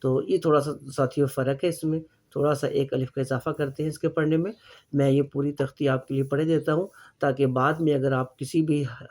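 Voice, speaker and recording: A man teaching Quran reading in an online lesson. He explains step by step and repeats syllables slowly and patiently. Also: medium pitch, a little mellow, roomy sound. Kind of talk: online lesson, slow drilled letter sounds.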